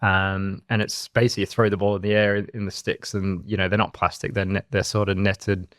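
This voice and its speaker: A man in his thirties with an Australian accent, co-hosting a podcast and telling his story in a relaxed, rambling way. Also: lowish voice, brisk, no room sound, studio quality. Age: 30s. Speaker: co-host. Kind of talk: casual podcast chat.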